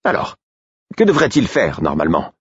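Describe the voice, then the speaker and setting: A man's voice: low-pitched, wildly swooping pitch, moderate pace, husky, dry recording, lo-fi sound, full character voice. Man playing an irate, imperious royal. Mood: demanding. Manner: angry, commanding, exasperated. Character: irritable, imperious young male royal.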